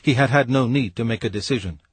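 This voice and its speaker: A man reading a novel aloud as an audiobook narrator, in a measured, steady way. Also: medium pitch, breathy edge, no room sound. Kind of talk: scripted narration.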